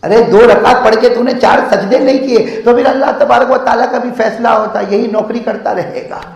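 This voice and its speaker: A man from India delivering a sermon in a mosque, his voice sitting unusually high for a man. He jumps from loud, fired-up exhortation to quiet, drawn-in storytelling and keeps prodding the crowd to answer back. The sound rings around a big hall with a long, lingering echo. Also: vocal fry. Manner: animated, swinging between shouted exhortation and hushed storytelling; jokes and calls on the congregation to answer aloud. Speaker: preacher. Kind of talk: mosque sermon with humorous stories.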